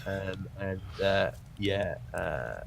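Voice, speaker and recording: A man running a tabletop game as dungeon master, describing the scene haltingly with many ums and uhs. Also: low voice, animated, vocal fry, background noise.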